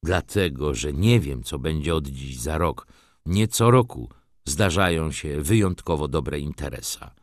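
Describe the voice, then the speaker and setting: A man's voice: very deep voice, animated, unhurried, no room sound, studio quality, voice pushed down. A man voicing a middle-aged merchant who speaks in a clipped, businesslike and restrained way. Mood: curt. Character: middle-aged male merchant, cool and curt.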